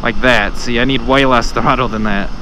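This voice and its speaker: A man's voice: mid-range voice, fairly even intonation, moderate pace. A man giving casual commentary from inside a motorcycle helmet while riding outdoors, as a motorcycle vlogger. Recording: loud wind and engine noise. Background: engine, wind and road noise.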